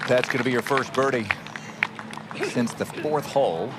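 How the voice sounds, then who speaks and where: A man's voice: medium pitch, normal speed, a loud crowd. A man commentating live on a golf tournament as the lead announcer, in an outdoor broadcast. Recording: outdoor broadcast with loud ambient noise.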